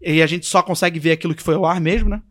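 A young man tells a story in a relaxed, casual chat. His voice sits high and his words come fast, and he slips into the voices of the people he quotes. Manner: animated, acts out quotes and voices. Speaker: podcast guest.

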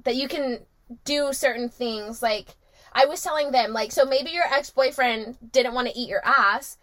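A woman's voice: high voice, normal speed, fairly bright tone. A woman podcast co-host recorded inside a closet, talking casually and boldly, sweary and prone to giggling. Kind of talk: casual raunchy chat.

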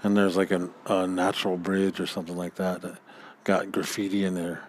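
A man's voice: sits low, little pitch movement, a little fast, slight background noise. A man co-hosting a casual podcast outdoors, trailing off into mumbled asides. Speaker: podcast co-host. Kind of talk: casual chat. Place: outdoors under a backyard overhang by a fire pit.

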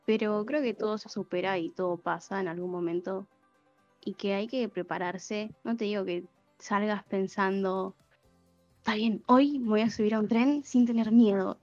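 A woman's voice: mid-range voice, darkish tone, no room sound. Young woman, earnest, reflective, casual chat, muffled recording. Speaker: podcast co-host. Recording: dull muffled sound with faint music.

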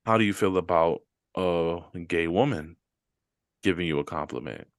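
A man with a low voice co-hosts a podcast, chatting casually at normal speed in a laid-back, slangy style. He reads listener comments aloud, and the studio-quality recording has no echo.

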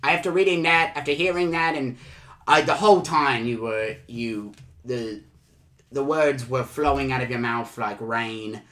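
A man hosting a comedy show in improvised chat, talking in a rambling, halting and effusive way. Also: medium pitch, sharp tone.

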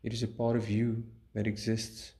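A man leading a guided meditation in a calm, soothing, measured way, pausing between short phrases. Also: lowish voice, gravelly.

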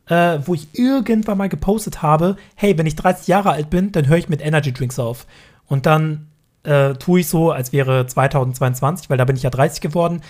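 Man, thirties, slightly high voice, casual podcast chat, opinionated. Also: brisk, darkish tone. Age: 30s. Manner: chatty, opinionated, laughs between points. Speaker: podcast co-host. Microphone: remote call from home.

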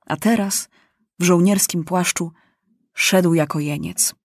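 A woman narrating a children's storybook aloud, animated and acting out the characters. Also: fairly low pitch, slow, no echo, studio quality.

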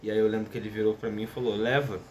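A man's voice: lowish voice, monotone, rapid-fire, a crowd in the background. A Brazilian man co-hosting a podcast, telling casual anecdotes in an informal way. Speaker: podcast co-host. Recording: faint background noise.

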